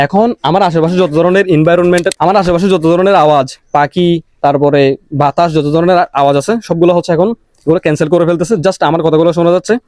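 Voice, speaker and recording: Young man, rapid gadget reviewer, clip-on mic with noise cancellation processing. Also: a little high, steady tone, a little mellow, no echo, studio quality. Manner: rapid, chatty, explaining step by step. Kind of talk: casual product review. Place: outdoors by a road. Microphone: wireless clip-on mic.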